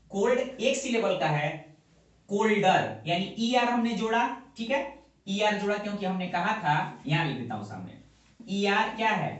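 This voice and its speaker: A man's voice: sits high, distant mic. A male teacher explaining a grammar lesson at a board, going step by step and often checking that students follow. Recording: very echoey room, voice from off-mic.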